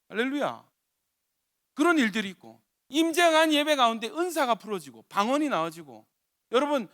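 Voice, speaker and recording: Young male pastor preaching, very high voice, animated delivery, bright and dry close sound. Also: no room sound. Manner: animated storytelling, repeated exclamations. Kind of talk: sermon.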